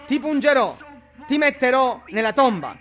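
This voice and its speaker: Scoffing male devil in a sermon, a man doing it, bright and high-pitched. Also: sing-song, moderate pace, dull audio, soft background music, exaggerated voice. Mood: taunting. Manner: mocking, taunting. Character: sneering male devil, taunting and boastful.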